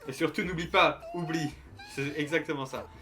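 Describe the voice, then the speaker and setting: A man's voice: fairly high pitch, steady tone, normal speed, bright, forceful tone. A young man from France, streaming a game and chatting casually with his viewers in a joking, rambling way, full of restarts. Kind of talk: casual gameplay commentary to chat. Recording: light game music behind.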